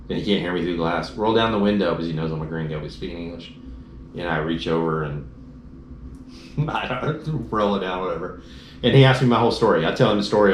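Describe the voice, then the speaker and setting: A man casually recounting his motorcycle crash and trip home, acting out the voices of the people in his story. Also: low-pitched. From Dallas-Fort Worth area, Texas. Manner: animated storyteller, acts out quoted dialogue. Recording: roomy echoey room, faint noise.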